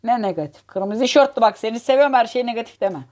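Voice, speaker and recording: Brief: woman gaming streamer, slightly high voice, excitable and joking, trash-talks the other team. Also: fast. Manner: excitable, joking, teasing, cursing at rivals. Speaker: gaming channel host. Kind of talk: live gameplay commentary.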